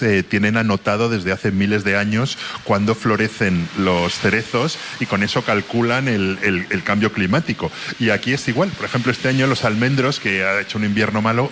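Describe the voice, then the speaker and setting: Man, guest journalist, chatty, low pitch, faint background noise. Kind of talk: conversational anecdotes.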